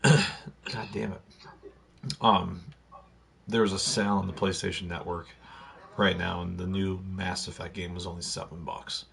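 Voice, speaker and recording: Deep, gravelly streamer losing his voice. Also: flat delivery, normal speed, fairly bright tone. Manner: throat-clearing, laid-back. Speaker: game streamer. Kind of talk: casual live-stream chat.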